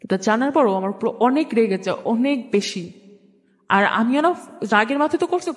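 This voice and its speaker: Telling her personal story as a guest, a young woman speaks informally with a Bangladeshi accent and often quotes exchanges. Her voice is a little high, with lively intonation at a normal speed, and it echoes as if in a reverberant hall.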